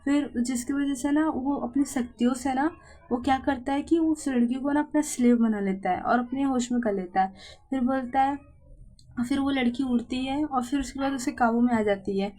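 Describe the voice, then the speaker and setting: A woman's voice: sits high, moderate pace, warm tone, low-quality recording. A woman narrating a comic recap in a chatty, loose storytelling way.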